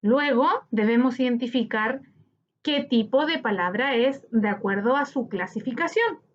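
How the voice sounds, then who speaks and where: A woman teacher with a Chilean Spanish accent, slowly explaining a grammar lesson to children and stretching words out syllable by syllable. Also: fairly high pitch. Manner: slow, clear, syllable-by-syllable teaching delivery. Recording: slightly dull lo-fi audio.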